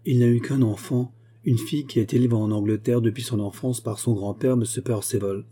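A loyal old bank clerk tells his story earnestly, as a man reads him. His voice is very dark and a little husky. He speaks with quiet feeling. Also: medium pitch, steady tone, brisk, natural voice. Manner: pleading, earnest. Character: elderly male bank clerk, loyal and emotional.

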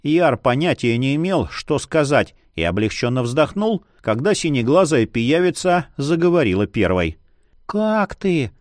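A man narrating a fantasy audiobook in an expressive storytelling manner. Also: mid-range voice, moderate pace, few pauses, no echo, clean studio sound.

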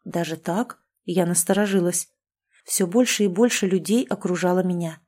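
A woman narrating a first-person fantasy story in a steady, even storytelling voice. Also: lowish voice, moderate pace. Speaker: audiobook narrator.

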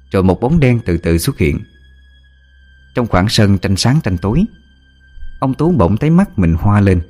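A man narrating a scripted horror story with dramatic, expressive storytelling. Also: lowish voice. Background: faint music.

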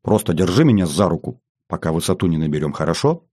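A man reading a hushed, nervous young woman. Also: sits low, sing-song, fast talker, slightly rough, no echo, clean studio sound, voice pushed down, full character voice. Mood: anxious. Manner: soft, hushed and tense. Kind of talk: audiobook character reading.

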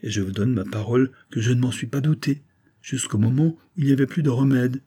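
A man voicing a gentle, elegant middle-aged noblewoman who pleads and reproaches in an audiobook. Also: mid-range voice, a little fast, breathy edge, voice pushed up, lightly acted. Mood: pleading. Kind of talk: audiobook character voice.

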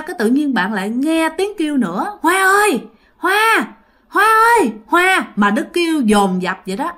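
A woman's voice: on the high side, a bit bright. A woman retelling a listener's ghost story in a chatty way, speaking straight to her listeners. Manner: chatty, addresses listeners directly.

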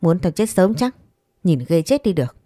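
A woman's voice: on the low side, expressive, normal speed, warm tone, no room sound, clean studio sound. A woman voicing a harsh, scolding elderly mother-in-law who talks down with contempt.

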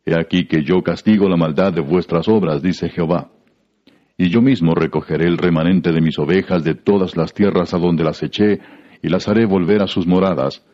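A man giving a measured, solemn scripted Bible reading, heard through a muffled radio broadcast. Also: sits low, warm tone. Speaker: scripture reader.

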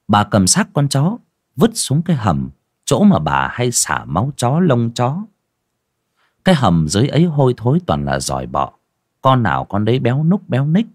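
A man's voice: mid-range voice, breathy edge, no echo, studio quality. A man narrating an audio horror story in a dramatic, lurid storytelling manner.

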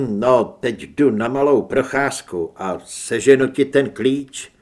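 A man's voice: medium pitch, lightly acted. A man reading an audiobook, voicing a stubborn, idealistic young male reporter who argues emphatically. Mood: weary.

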